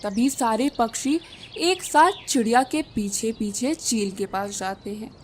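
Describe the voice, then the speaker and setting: A woman narrating a children's cartoon story in a clear, even storytelling manner. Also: a little high, measured pace, a little hiss or hum.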